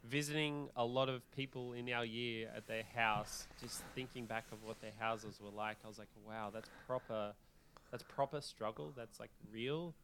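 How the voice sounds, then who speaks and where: A man co-hosting a casual podcast, telling stories with plenty of animation and the odd swear word. His voice sits at a middling pitch. There is a faint noise behind him. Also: fairly even intonation, normal speed, a bit bright. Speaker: podcast co-host. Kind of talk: casual chat.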